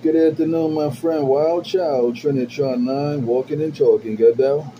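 A man's voice: a little high, fairly even intonation, unhurried. Man, CB radio transmission, base station operator, repetitive rhythmic sign-offs, muffled lo-fi sound, heavy static. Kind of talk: CB radio chatter with repeated handle call-outs.

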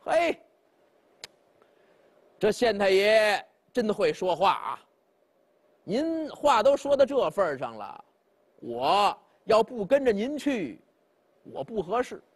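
A sly, tipsy old hermit speaks in a drawling, falsely humble way, as a male storyteller puts him on. His voice sits high and husky and swings widely in pitch. He keeps an aloof, teasing air throughout. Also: big pitch swings, slow, pauses often, heavily acted. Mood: wry, aloof.

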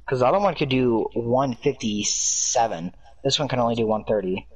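A young man chatting excitedly with friends while playing a racing game over a headset. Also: medium pitch, normal speed, slightly rough, poor audio. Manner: excitable, exclaiming. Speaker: gamer streaming with friends. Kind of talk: casual gaming chat.

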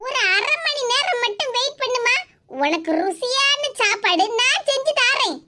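Very high-voiced soothing village daughter. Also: female voice, lively intonation, measured pace. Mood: reassuring. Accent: Kanyakumari Tamil. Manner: soothing, affectionate, coaxing. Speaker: doting daughter in a skit. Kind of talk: comic village skit. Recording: loud background noise.

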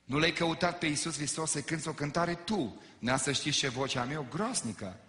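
A man's voice: on the high side, expressive, pushed and bright. A man preaching to a congregation in a large hall, impassioned, asking the listeners questions and making joking asides. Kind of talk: sermon. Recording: echoey hall with long reverb.

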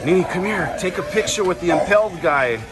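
A woman vlogging as a parent while walking through a large Halloween store, chatty and excitable, filming on a handheld phone. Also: on the low side, brisk, heavy background noise. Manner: excitable, chatty, lots of oohs and laughs. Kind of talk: casual walk-through vlog narration. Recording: loud store music behind.

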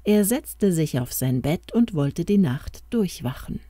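Slow, calm woman reading a fairy tale. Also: fairly low pitch, dry recording. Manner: calm, expressive storytelling. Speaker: audiobook narrator.

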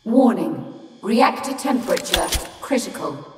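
A woman voicing an automated reactor alarm system, giving flat, clipped warnings over an echoing public-address speaker. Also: medium pitch, measured pace, background noise. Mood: urgent alarm. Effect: echoing public-address announcement. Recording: echoey hall over loud game music.

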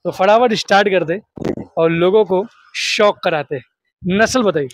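A man hosting an outdoor goat sale, chatty and upbeat, echoing the seller's answers back in a steady patter. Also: high voice, a little slow. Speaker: host of a livestock sale video. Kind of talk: casual on-location interview.

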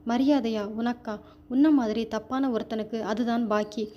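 A woman's voice: a little high, steady tone, moderate pace, dark tone, lo-fi sound, lightly acted. A woman voicing an angry, protective middle-aged father in a storybook reading, fierce and confrontational. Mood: furious.

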